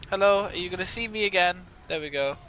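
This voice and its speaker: A man's voice: high-pitched, fast, sharp tone, low-quality recording. A man joking and teasing playfully while playing a game with a friend on stream. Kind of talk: casual gaming stream chat.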